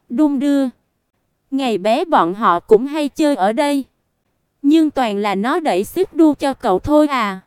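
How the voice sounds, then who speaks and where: A woman narrating a storybook as an audiobook reader, in an even storytelling way. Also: sits high, clean tone, no echo, studio quality.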